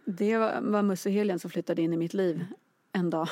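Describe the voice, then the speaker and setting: A woman, a children's book author and musician, telling animated anecdotes full of fillers in a casual interview. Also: lowish voice.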